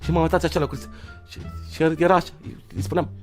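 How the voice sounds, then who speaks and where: A young man from Romania's Giurgiu area telling a comic storytime tale in slang, swinging from loud outbursts to low mutters. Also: fairly even intonation, faint music behind. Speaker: vlogger.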